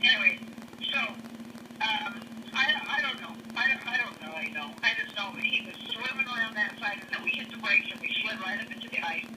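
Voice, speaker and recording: A woman giving an urgent, halting eyewitness account, repeating herself and restarting as she talks. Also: mid-range voice, animated. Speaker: eyewitness interviewee. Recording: distant mic with clear background noise.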